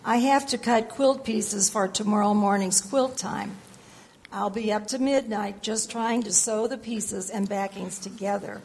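A woman's voice: medium pitch, measured pace, gravelly, darkish tone, slight background noise. A woman playing a firm, busy grandmother in an amateur church skit, insisting on family devotions.

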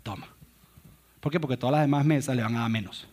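A man in his thirties preaching a sermon, telling stories with lively swings from loud, excited passages to quiet, hushed ones. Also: medium pitch, racing. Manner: animated storytelling, swings between loud and hushed. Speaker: pastor. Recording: guitar music playing underneath.

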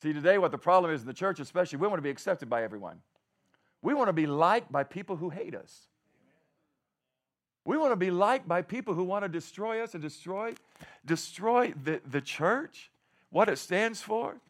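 Male preacher with a high voice, storytelling style, moves from shouting to hushed asides. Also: animated, moderate pace. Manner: swings from loud shouted climaxes to low quiet asides, laughing often; mocking, conversational storytelling. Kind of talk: sermon.

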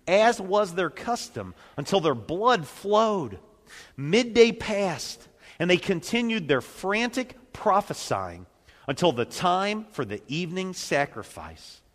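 Male pastor, unhurried and animated sermon reading, recorded in a large reverberant church hall. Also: a little high. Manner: lively, dramatic reading with sudden loud and soft turns. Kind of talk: sermon reading scripture with commentary.

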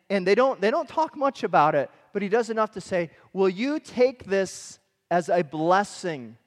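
A middle-aged man from Michigan delivers a conversational sermon, sliding easily into personal stories and animated asides. His voice sits high for a man. The sound carries a long reverb, as in a large church hall. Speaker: pastor.

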